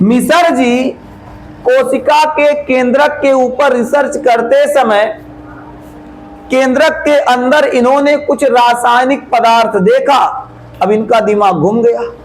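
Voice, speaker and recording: High-voiced teacher with slow drawl. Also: male voice, a little hiss or hum, poor audio. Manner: asks and answers his own questions, drawls key words slowly; folksy dialect asides. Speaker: biology teacher. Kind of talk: classroom lecture.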